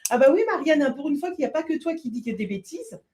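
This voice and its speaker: A woman's voice: high-pitched, sing-song, quick pace, a little mellow. A woman co-hosting a live show, reading viewer comments aloud and teasing her partner in casual chat.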